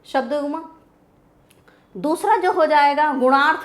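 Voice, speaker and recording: A woman with a high voice teaches a grammar lesson. She repeats each key term, poses questions and answers them herself, and slows down to stress definitions. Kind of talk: classroom grammar lecture.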